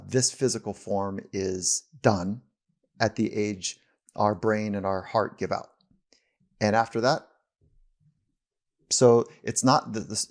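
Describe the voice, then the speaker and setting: A male podcast host thoughtfully summarizing and reflecting on his guest's ideas in an interview. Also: on the low side.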